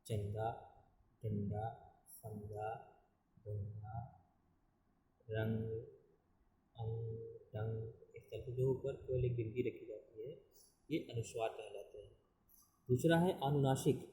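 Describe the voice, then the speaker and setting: A male school Hindi teacher giving a classroom grammar lesson, explaining slowly and repeating definitions with checking fillers. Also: mid-range voice, mellow, roomy sound, low-quality recording.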